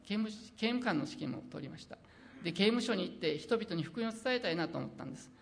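Middle-aged preacher from Osaka, Osaka accent, gravelly and animated, earnest sermon delivery. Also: mid-range voice, slight background noise. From Osaka, Japan. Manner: earnest, reads scripture slowly, slips into dialect. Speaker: preacher and missionary. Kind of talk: sermon with personal testimony.

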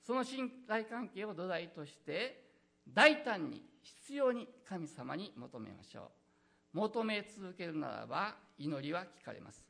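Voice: mid-range voice, sing-song, measured pace, gravelly, sharp tone. A pastor preaching a sermon in an earnest, exhorting manner, with frequent hesitant fillers.

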